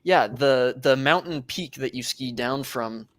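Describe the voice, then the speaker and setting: A man's voice: medium pitch, a little slow, no echo. Hesitant young man, dry sound. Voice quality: hesitant, many fillers. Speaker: guest. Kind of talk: casual chat.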